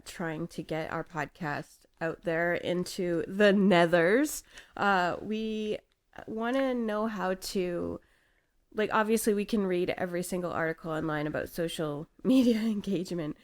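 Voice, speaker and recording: Chatty woman with a lowish voice. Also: a little slow. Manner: chatty, laughs often. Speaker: podcast co-host. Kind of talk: casual chat.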